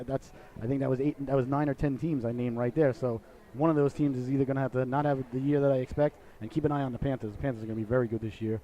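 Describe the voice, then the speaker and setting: A middle-aged announcer with a medium-pitched, dark voice does casual play-by-play for an amateur hockey broadcast. He's chatty and rambling, jokes with viewers, and sounds a bit sniffly from a cold.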